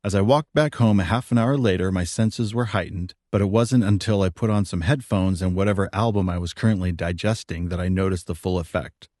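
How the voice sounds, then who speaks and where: Deep-voiced man narrating his memoir. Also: a little fast, hardly any pauses, darkish tone, no echo, clean studio sound. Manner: plain, reflective storytelling.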